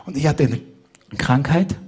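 Husky man interpreting a sermon live. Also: fairly high pitch, measured pace, darkish tone. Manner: translating on the fly, with fillers and restarts.

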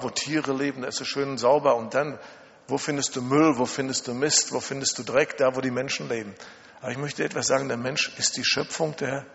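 A creaky, sharp, mid-range voice belongs to a middle-aged German preacher who tells personal stories with emphasis, dramatic repetition, and rhetorical questions. Captured in a big reverberant hall, the audio is muffled and long-echoing.

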